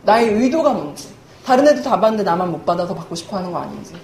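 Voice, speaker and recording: A woman's voice: medium pitch, big pitch swings, quick pace, darkish tone. A young woman preaching a humorous sermon in a chatty, self-mocking way, laughing often as she talks. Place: church hall. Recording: echoey church hall, faint room noise.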